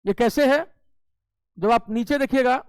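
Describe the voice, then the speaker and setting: A man's voice: very high-pitched, a little slow, darkish tone, clean tone, dry recording. A male teacher giving an exam coaching lecture, explaining step by step and checking in often with his class. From Bihar. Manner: explains step by step with frequent "ठीक है" check-ins.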